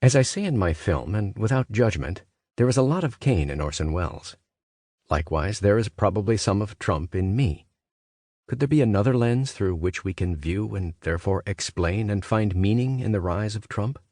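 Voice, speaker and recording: A man's voice: lowish voice, animated, normal speed, mellow, no echo, clean studio sound. A man reading a scripted nonfiction audiobook as its narrator.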